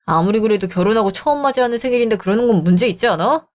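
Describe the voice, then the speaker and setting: A woman's voice: mid-range voice, very fast, a little mellow, natural voice. A woman voicing a selfish young married man who talks in a dismissive, irritated way, in a dramatized story. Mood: scornful.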